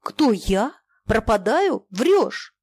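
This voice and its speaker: A bitter, defiant young man who writes satire for a living, declaiming his creed with rising passion, as a woman reader puts him on. His voice rides a little high and ringing. It is recorded close and dry, with no room sound. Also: very animated, extremely slow, husky, no room sound, exaggerated voice. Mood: startled. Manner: impassioned declamation. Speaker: feuilletonist. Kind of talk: audiobook reading.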